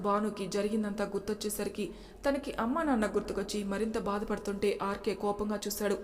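A woman storyteller reading a romance story aloud in a steady, even way. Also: mid-range voice. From Telugu-speaking India. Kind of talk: storybook narration. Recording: reverberant room.

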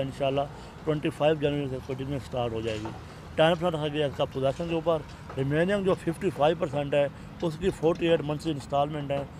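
Pakistani Urdu-accented male property agent, raised pitch, methodical and businesslike, outdoor lapel sound with faint traffic. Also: rough recording. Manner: steady, detailed, businesslike. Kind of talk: explaining details to an interviewer.

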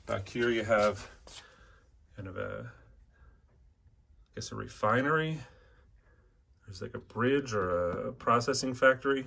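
An auction house presenter walks around an indoor antiques showroom, giving an unscripted walkthrough and pointing out items. His average-pitched voice is pushed and bright with vocal fry, coming in short, halting, off-the-cuff phrases. It's recorded on a handheld device.

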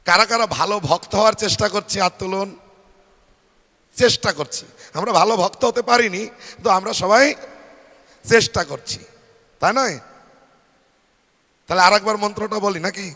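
A Bengali-accented man preaches devotionally in a large fair hall, his high-pitched voice pushed and bright at a moderate pace with many pauses. Rhetorical questions go out to the crowd, who repeat his phrases, and the recording has long hall reverb.

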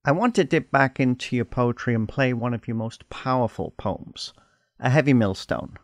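A man hosting a radio program, giving smooth, scripted introductions. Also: medium pitch, moderate pace, dry recording, studio quality. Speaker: radio host. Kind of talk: radio presenting.

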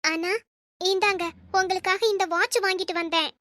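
A woman plays a sweet, generous young cartoon woman with a very high, bright voice. She speaks eagerly and affectionately, close to a dry mic. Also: flat delivery, a little fast, no echo. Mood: cheerful. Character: kind, generous young woman, devoted to her family. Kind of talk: Tamil cartoon voice acting.

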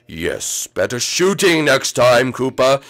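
A man's voice: mid-range voice, very animated, slow pace, a bit bright, heavily acted. A man voicing a vain, bossy giant plant monster who gives orders lazily. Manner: lazy, vain and commanding.

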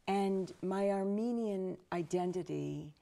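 A woman in her sixties, a minister, answering interview questions in a measured way, slowing for emphasis and building lists, seated in a studio. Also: mid-range voice, gravelly, dark tone. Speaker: minister and guest. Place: dark studio set, seated.

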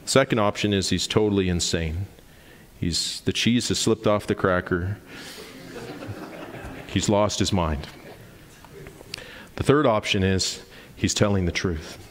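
This sermon comes from an emphatic male preacher, a Canadian in his forties. Preaching in a church sanctuary, he raises his pitch to drive points home, with long, reverberant hall echo around him.

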